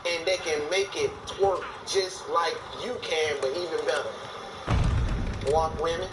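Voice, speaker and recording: Boastful high-voiced man, echoey and distant. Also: steady tone, unhurried, music in the background. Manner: boastful, profane, repetitive. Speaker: gaming streamer. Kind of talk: casual rambling monologue while gaming. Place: in Thailand. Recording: echoey, distant mic, noisy background.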